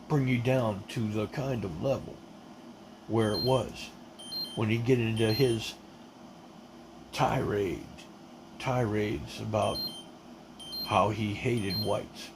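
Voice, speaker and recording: A man's voice: mid-range voice, takes it slowly, creaky, long pauses, background noise. A man telling his life story in a casual, rambling way, full of restarts, blunt and emphatic. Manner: rambling, with many fillers and restarts. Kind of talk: casual spoken testimony.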